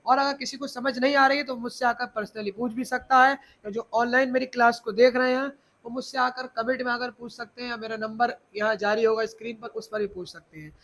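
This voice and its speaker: A man's voice: very high voice, steady tone, a little fast, sharp tone. A male teacher explaining Arabic letters to a class of children, often asking them questions and repeating key points.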